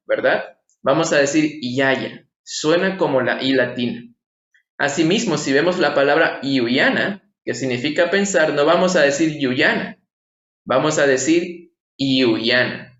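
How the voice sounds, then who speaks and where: A man's voice: a little high, fairly bright tone. A man teaching a language lesson online, explaining patiently and asking his viewers rhetorical questions. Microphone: screen-share voice-over. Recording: echoey room, slightly dull lo-fi sound.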